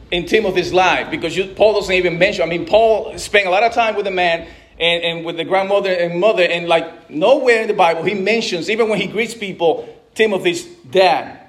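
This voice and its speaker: A middle-aged Dominican pastor with a high-pitched male voice preaches a sermon conversationally, full of asides and frequent restarts.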